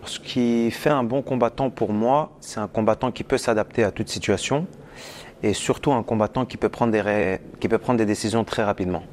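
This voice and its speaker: Un homme, entraîneur principal d'une équipe, qui parle calmement en interview, avec quelques hésitations. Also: male voice, fairly low pitch, slight background noise. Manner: calm, measured, with hesitations. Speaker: head coach of a team.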